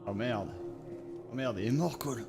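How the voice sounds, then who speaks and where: A man's voice: mid-range voice, normal speed, vocal fry. A man whose first language is French, giving casual, muttered gaming commentary as a streamer. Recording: live stream with loud game music.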